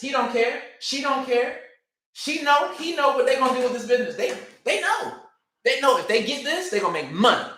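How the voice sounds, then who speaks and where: A man with a high, bright, forceful voice hammers home his points about credit, repeating himself for emphasis. His voice rings in an echoey room. He slips into other people's voices to make his case. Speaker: credit coach. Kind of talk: motivational talk to camera.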